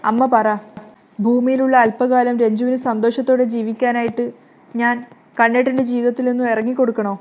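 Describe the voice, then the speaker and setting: A tearful, remorseful young woman from a soap-serial recap begs her mother figure for forgiveness in a slightly high voice, as a woman narrator reads her lines. Her delivery is earnest and pleading, and her words keep returning to "mother". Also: flat delivery, brisk, a little mellow, lightly acted.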